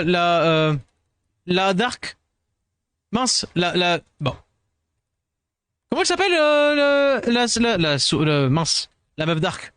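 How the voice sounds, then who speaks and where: Tired French streamer, higher voice. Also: male voice, a bit bright, dry recording. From France. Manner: rambling, self-deprecating, mixes in English words. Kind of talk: casual chat with viewers.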